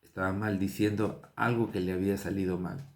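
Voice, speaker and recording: A man from Peru preaching a sermon, earnest and unhurried, with rising emphatic bursts. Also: sits low, level tone, roomy sound. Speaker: pastor.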